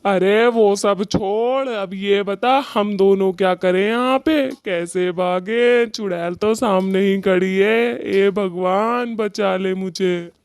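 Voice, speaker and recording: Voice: medium pitch, takes it slowly, hardly any pauses, smooth, dry recording. Performer doing a whining cowardly orchard owner. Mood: panicky. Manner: whining, frightened. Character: panicky male mango-orchard owner, cowardly.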